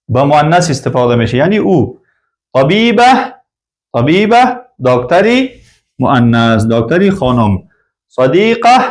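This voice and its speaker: Guy teaching a class, kinda high voice, bouncy, repeats every word twice. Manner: slow and repetitive, saying each word twice. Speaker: Arabic teacher. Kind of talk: classroom lesson explaining vocabulary.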